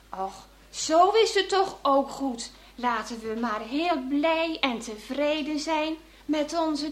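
A gentle, pious father in a children's storybook, talking softly and calmly to his daughter, as a woman reading aloud puts him on. The voice stays high and is slow and unhurried. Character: gentle pious middle-aged father, tender.

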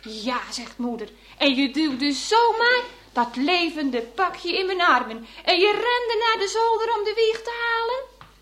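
A woman reading aloud voices a gentle, pious middle-aged father speaking tenderly to his daughter in a children's story. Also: extremely high pitch, lively intonation, unhurried, voice pushed up, heavily acted.

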